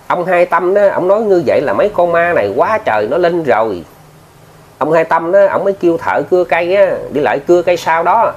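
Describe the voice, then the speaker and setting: Southern Vietnamese man, higher voice, animated folksy ghost-story teller talking straight to listeners, muffled home recording. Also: fairly quick. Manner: chatty, addresses listeners often, many filler words. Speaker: ghost story narrator, channel host. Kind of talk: casual spoken storytelling.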